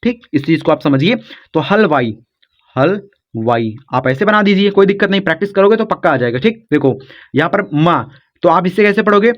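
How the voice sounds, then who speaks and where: A man's voice: sits high, animated, quick pace, lo-fi sound. A man giving a casual spoken lesson as a teacher, patient and repetitive, coaxing his students along. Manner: repetitive, coaxing, says "dekho" and "yaar" often.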